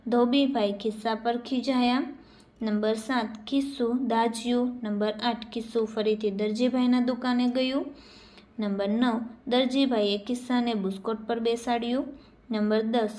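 A woman teacher reading out workbook answers and giving dialogue lines an expressive lift. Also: a little high. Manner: reads dialogue lines with lively, expressive emphasis.

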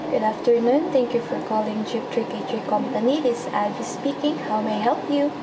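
A woman's voice: fairly high pitch, brisk, close to an everyday voice. A young woman playing a courteous call center agent, reciting a script. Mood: courteous, instructing. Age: young adult. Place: indoor room. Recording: distant mic, loud background hum.

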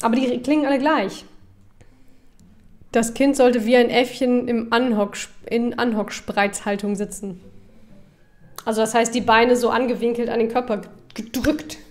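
A woman streamer giving casual let's-play commentary with quick, chatty asides. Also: on the high side, flat delivery.

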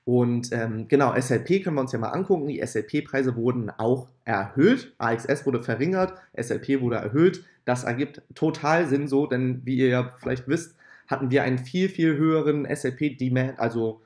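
A man's voice: medium pitch, moderate pace, a little mellow. A man hosting a casual gaming news video, with poor-quality audio from a makeshift microphone at his parents' home. He talks in a chatty way, with many filler sounds and apologetic asides. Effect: poor-quality audio from a makeshift mic. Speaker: gaming channel host. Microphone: not his usual microphone.

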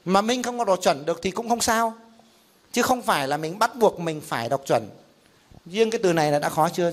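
With a voice pitched on the high side, this middle-aged man is a pastor giving a Bible lesson. His style is conversational, and he makes his points with examples and questions meant to be rhetorical.

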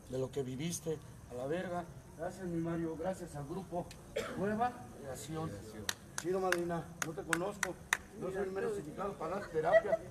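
A man with a Mexican accent giving a profane, comedic testimony at a recovery group meeting, moving between low muttering and loud shouted rants. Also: a little hiss or hum.

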